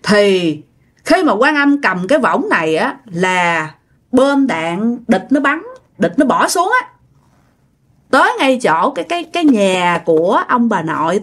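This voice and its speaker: Woman storyteller, chatty, animated narration. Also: a little high. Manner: chatty and animated, with repeated words and regional fillers. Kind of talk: spoken ghost and spiritual story narration.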